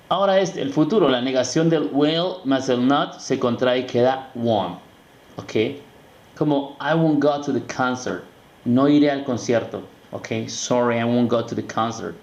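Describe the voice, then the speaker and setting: A man's voice: mid-range voice, darkish tone, reverberant, lo-fi sound. A man whose first language is Spanish, teaching English pronunciation in an online lesson and patiently modelling each word with frequent checks on the learner. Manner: slow, patient modelling of words with repeated checks.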